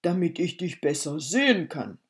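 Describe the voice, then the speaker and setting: A woman voicing a sly, hungry wolf in a fairy tale, speaking loudly in a coaxing way. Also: deep voice, big pitch swings, normal speed, breathy edge, full character voice.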